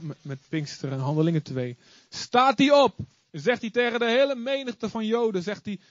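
A man preaching an animated sermon to a congregation, acting out stories and asking the listeners to join in. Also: on the high side, no echo. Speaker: pastor. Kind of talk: lively sermon. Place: church before a congregation. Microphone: recorded live. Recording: slightly muffled, dry.

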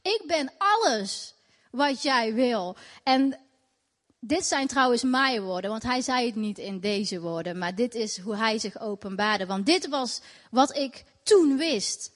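Woman, high-pitched, earnest emotional faith testimony, echoey hall with long reverb. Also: a little slow. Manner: earnest, emotional storytelling with repeated phrases. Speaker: testimony speaker.

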